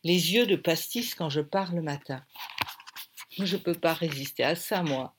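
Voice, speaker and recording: Lively wry woman narrating. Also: sits low, a little slow, noisy background. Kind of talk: audiobook narration.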